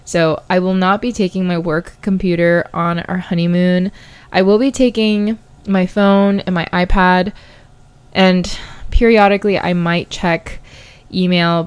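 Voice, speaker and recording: Smooth, clear-voiced woman chatting on a podcast. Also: on the low side. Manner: chatty, informal. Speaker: podcast host and science teacher. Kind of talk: casual solo podcast chat. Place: apartment hallway, indoors.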